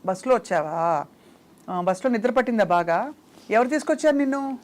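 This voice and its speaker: A woman's voice: fairly high pitch, expressive, normal speed, a little mellow. A young woman hosting an interview, coaxing and teasing a small child with short questions in a Telugu accent. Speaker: interview host.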